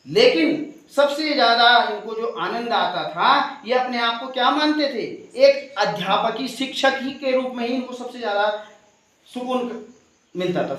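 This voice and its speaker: A man's voice: extremely high pitch, a bit bright. A man teaching at a school assembly, speaking to the students and asking them questions as he goes. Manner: keeps asking the audience questions and adding a tag question. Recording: very echoey hall.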